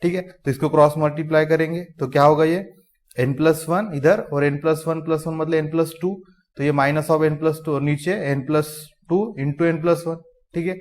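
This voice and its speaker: A man's voice: on the high side, fairly even intonation, a little mellow. Man teaching maths with rhetorical questions. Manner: asks the class rhetorical questions, says "theek hai" often; reads English definitions out slowly. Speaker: math lecturer. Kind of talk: explaining maths in Hindi mixed with English.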